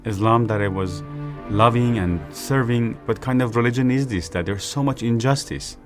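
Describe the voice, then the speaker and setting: A man from Iran, giving a personal faith testimony as an evangelist in an earnest, measured storytelling manner. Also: mid-range voice. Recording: music playing underneath. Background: background music.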